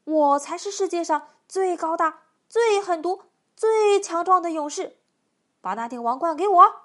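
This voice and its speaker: A huge male giant, put on by a woman reading aloud, booms his boasts in a storybook. The voice sits high, with a loud, pushed delivery. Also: animated, a little slow, exaggerated voice. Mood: bellowing. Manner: bellowing boasts.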